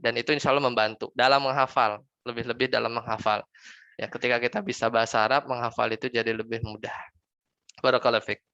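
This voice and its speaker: A man gives a religious lesson in a crisp, gravelly voice, pausing often on fillers and slowing to recite verses. The sound is dry and a little dull. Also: mid-range voice, level tone, sharp tone, no echo. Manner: hesitant, many fillers, slows to recite Arabic verses. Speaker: Islamic teacher. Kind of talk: religious lesson on Quran reading. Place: online study session.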